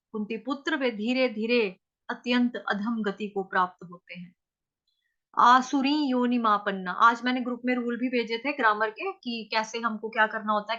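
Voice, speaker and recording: A woman with an Indian accent teaching Sanskrit verse pronunciation in casual Hindi, chanting lines slowly and splitting words into syllables. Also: fairly high pitch, bright, forceful tone, highs cut off. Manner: conversational, checks understanding often.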